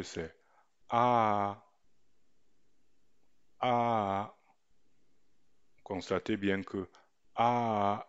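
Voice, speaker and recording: A man teaches tones with deliberate care, pausing over each syllable as he demonstrates it. His voice sits low and his pace is very slow. The recording sounds dull and lo-fi. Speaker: language teacher. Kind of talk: slow pronunciation lesson.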